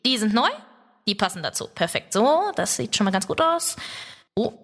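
A woman's voice: mid-range voice, sing-song, normal speed. A young woman telling a comic story about her first date, chattering nervously to herself in a self-mocking way. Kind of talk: comedic first-person story with inner monologue.

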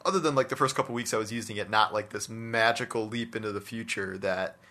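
Quick-paced and sharp in tone, this lowish male voice belongs to a podcast co-host giving his casual opinions on video games. He hedges constantly, dropping "like" and "you know" throughout the conversation about his hobby.

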